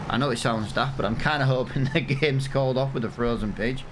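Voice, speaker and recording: Speaking fairly quickly at a medium pitch against a noisy background, this English gaming channel host in his thirties rambles and mocks himself while casually commentating on a farming game.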